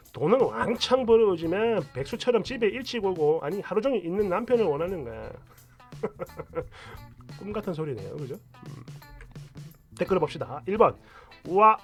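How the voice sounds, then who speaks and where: A man reading a listener's story aloud with expressive delivery, shifting between weary mutters and angry outbursts. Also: high voice.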